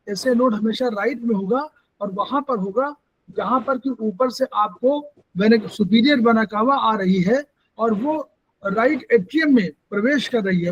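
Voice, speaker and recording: A man's voice: high-pitched, muffled recording, a little hiss or hum. A man teaching acupressure over a video call, firmly correcting and directing students to points. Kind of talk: instructive explanation.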